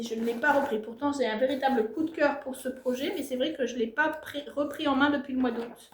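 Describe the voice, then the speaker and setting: A woman's voice: fairly high pitch, roomy sound, slight background noise. A woman presenting her cross-stitch projects in a casual, self-mocking home vlog, full of fillers and asides, filmed on a tripod. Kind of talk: casual show-and-tell vlog. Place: home, filming herself on a tripod. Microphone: tablet or camera on a tripod.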